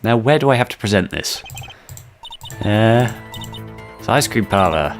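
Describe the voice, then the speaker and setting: A man's voice: on the low side, expressive, measured pace. A man casually commenting on his own gameplay with self-deprecating asides. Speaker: game player. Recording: faint game music behind.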